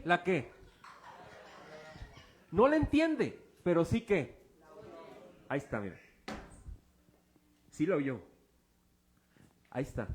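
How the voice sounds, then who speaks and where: The man's voice sits high and is a little mellow as he preaches as pastor. He keeps it informal and joking, using objects to illustrate and quizzing listeners with fill-in-the-blank questions.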